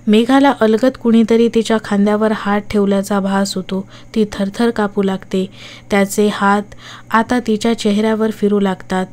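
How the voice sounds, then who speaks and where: A woman's voice: mid-range voice, fairly even intonation, normal speed, darkish tone. Woman narrating a suspenseful horror story. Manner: dramatic, suspenseful reading. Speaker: audiobook narrator.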